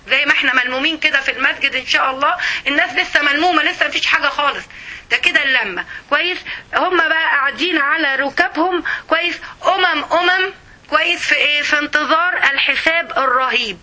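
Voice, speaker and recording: A woman with an Egyptian Arabic accent giving an emotional religious lesson to women, often pausing to check that her listeners follow. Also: high-pitched, pushed and bright. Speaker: religious teacher.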